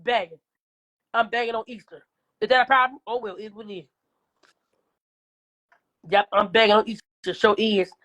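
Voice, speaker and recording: A woman's voice: fairly high pitch, moderate pace, pauses often, fairly bright tone. A woman livestreaming from her phone, coughing now and then, talking back to viewers in a combative, profane casual rant.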